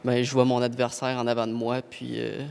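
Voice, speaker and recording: A man, an amateur boxer answering simply and haltingly. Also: mid-range voice, completely flat delivery, gravelly, a little mellow, a little hiss or hum.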